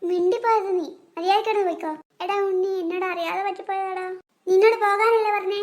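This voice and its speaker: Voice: very high voice, steady tone, quick pace. An actor voicing a wailing cartoon boy. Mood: grieving, angry. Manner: wailing, accusing. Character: young boy grieving and angry at a friend. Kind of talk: cartoon voice acting.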